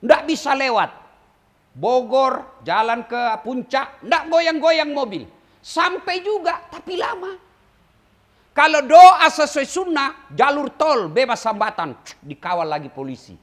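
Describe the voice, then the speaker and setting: A man preaching a lively, humorous sermon to a large gathering, who jokes and mimics regional ways of speaking. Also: very high-pitched, a little slow. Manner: animated, joking, mimics regional speech. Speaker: Islamic preacher.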